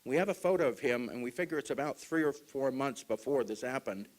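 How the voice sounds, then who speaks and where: A man from Utah giving a public talk to an audience, asking them questions and swinging between loud stresses and hushed asides. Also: mid-range voice, animated, brisk. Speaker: speaker at a group meeting.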